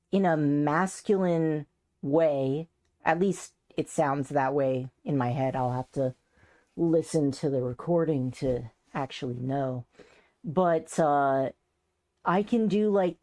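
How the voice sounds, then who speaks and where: A woman's voice: low voice, darkish tone. A woman chatting casually on a live stream about voice training, playful and self-amused, her throat dry and strained.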